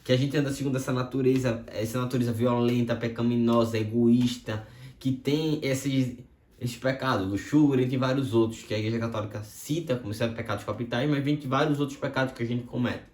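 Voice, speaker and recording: A man teaching from the Bible and telling a story with a lot of expression. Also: fairly quick. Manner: expressive storytelling with swings in pitch. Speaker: preacher. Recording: roomy echo.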